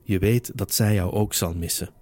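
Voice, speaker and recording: A man voicing a gentle, persuasive Victorian spirit medium woman in an audiobook, with a soothing, reassuring manner. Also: on the low side, normal speed, natural voice. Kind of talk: audiobook character reading.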